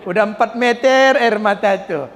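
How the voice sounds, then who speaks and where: Man, Medan accent, jokey sermon, high voice, long reverb of a mosque hall. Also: measured pace, a little hiss or hum. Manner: joking, animated storytelling, acts out characters. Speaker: preacher. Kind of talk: humorous sermon.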